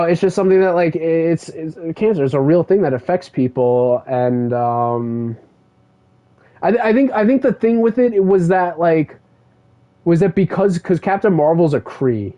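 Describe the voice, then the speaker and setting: A man's voice: a little high, warm tone. A man streaming a game, chatting casually and rambling through a story with lots of fillers. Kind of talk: casual chat while gaming. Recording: dull lo-fi stream mic.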